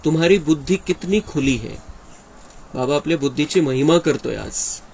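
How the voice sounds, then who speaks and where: Man, devotional discourse, earnest and explanatory, fairly high voice, faint hiss behind. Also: moderate pace, creaky, darkish tone, poor audio. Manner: earnest, explanatory, quotes the teacher often. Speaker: spiritual speaker explaining a daily discourse.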